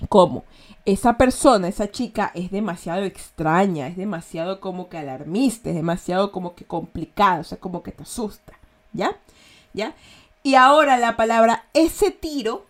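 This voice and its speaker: A woman with an Ecuadorian accent hosting a casual slang lesson, chatty and checking in with her listeners often. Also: medium pitch. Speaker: host teaching slang.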